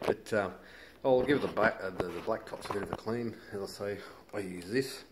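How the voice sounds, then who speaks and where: A noisy handheld home video captures an Australian hobbyist demonstrator giving casual, laid-back, colloquial commentary on a hands-on how-to. His voice is lowish and his speed normal.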